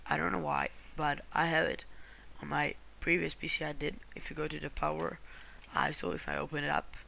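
A man's voice: fairly high pitch, flat delivery, a little fast, vocal fry, pushed and bright, a little hiss or hum. A man from Croatia, talking through a screen-recorded how-to walkthrough in a rambling way, often correcting himself and apologizing. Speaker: tutorial host.

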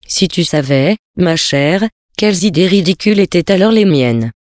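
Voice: mid-range voice, animated, moderate pace, a little mellow, no room sound, studio quality, lightly acted. A reader voicing a cold, self-satisfied young French officer who speaks curtly and dismissively, in a storybook reading. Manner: curt, dismissive.

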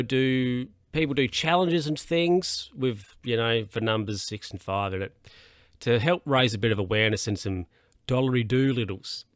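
Relaxed Australian man, dry close mic. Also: on the low side, clear, resonant tone, no echo. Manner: rambling and relaxed, many fillers and restarts. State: yawning, a bit tired. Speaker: podcast host. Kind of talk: casual solo podcast monologue.

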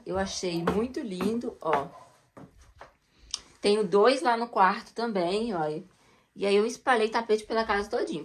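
Walking her viewers through the cold stone basement of her house, a woman chats casually and points things out while filming on a handheld phone. As a home vlogger, she has a mid-range voice that's a bit bright. A little hiss or hum runs through the recording.

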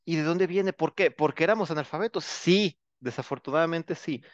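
A male teacher lectures an online class. He is chatty and teasing and keeps prodding students to answer, in a slightly high voice. The audio is dry and muffled. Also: brisk, dry recording. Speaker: English teacher. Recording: dull, dry lo-fi sound.

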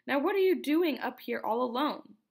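A woman's voice: on the high side, expressive, gravelly, fairly bright tone, heavily acted. Woman doing a bossy little old lady. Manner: brisk, scolding.

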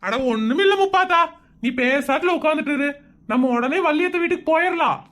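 A woman's voice: high voice, animated, fairly quick, fairly bright tone. A woman acting a tipsy husband who fumbles excuses and scolds his wife in a comedy skit. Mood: evasive. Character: tipsy bumbling husband, middle-aged man, evasive.

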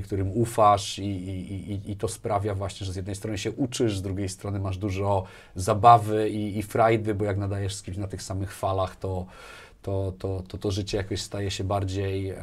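A man with a fairly low, level voice speaks at a moderate pace as a casual interview guest. He's a business manager, seated in a small furnished studio with a lapel mic, and he tends to repeat words and check in using brief tag questions.

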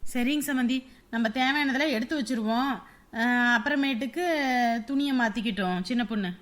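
A woman's voice: high voice, fairly quick, fairly bright tone. A woman playing a middle-aged mother-in-law who reassures and gives orders in a family drama. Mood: reassuring. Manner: reassuring and commanding.

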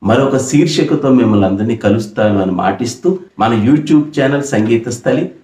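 A middle-aged man from Andhra Pradesh gives a patient, earnest pronunciation lesson for singers. He explains each point carefully and breaks into short sung examples. His mid-pitched voice sits in a roomy, echoing space. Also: lively intonation, moderate pace, a little mellow. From Andhra Pradesh, India. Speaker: music teacher. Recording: roomy echo.

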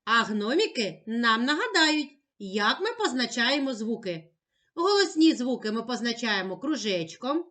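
Brief: middle-aged female teacher, fairly high voice, deliberate slow sing-song lesson for young kids. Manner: gentle, sing-song instructional tone, speaks to child as "you". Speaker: primary school teacher. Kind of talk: slow, clearly articulated literacy lesson for young children.

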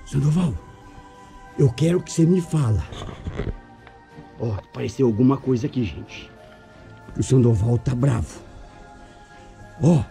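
A man with a Brazilian accent talks excitedly to his followers on camera, coaxing and calling out over and over. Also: mid-range voice, a little slow, creaky, long pauses, faint music behind. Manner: coaxing, repetitive, calls out often. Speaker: vlogger.

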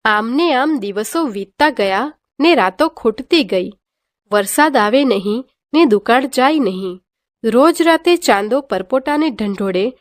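A woman's voice: a little high, dry recording, clean studio sound. Woman reading a children's story aloud. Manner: lively sing-song reading with sound words. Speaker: teacher reading a textbook story.

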